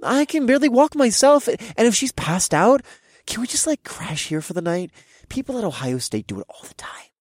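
A man's voice: high voice, sing-song, moderate pace, dry recording, clean studio sound, pitched above the performer's own voice. A man voicing a young man who pretends to be drunk, giggly and slurring for an audiobook story.

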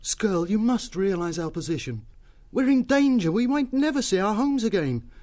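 A man voicing an earnest young male creature from an abbey, speaking calmly and pleading. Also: high-pitched, normal speed, pitched above the performer's own voice.

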